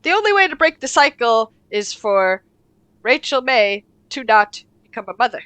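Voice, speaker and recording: A woman's voice: on the high side, sing-song, normal speed, a bit bright, smooth, no echo. A woman streamer reacting to a text game with giggly, exclamatory, sarcastic asides. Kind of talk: casual playthrough reactions.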